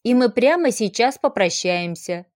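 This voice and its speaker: A woman reading the part of a decisive male caravan commander, speaking firmly and measured. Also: on the high side, expressive, a little mellow, no echo, studio quality. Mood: resolute. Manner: firm, measured.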